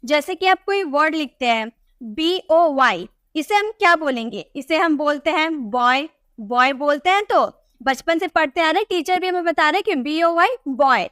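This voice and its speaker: A woman with a Hindi accent and a very high, light voice teaches a pronunciation class. She repeats herself and answers her own questions, and the recording is dry and close with no room sound. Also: lively intonation, normal speed, a bit bright, dry recording. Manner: repetitive, asks questions and answers them herself. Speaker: English teacher. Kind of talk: pronunciation lesson explaining rules.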